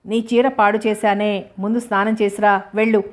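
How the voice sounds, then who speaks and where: A woman's voice: medium pitch, flat delivery, brisk, natural voice. A woman voicing a sick, petulant young man.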